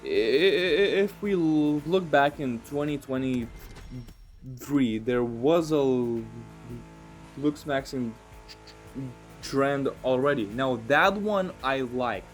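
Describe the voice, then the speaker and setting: A man's voice: medium pitch, slow, faint music behind. A young man ranting in a vlog, stuttering heavily and repeating sounds as he speaks in an agitated, fed-up way. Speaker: vlogger. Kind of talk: ranting commentary.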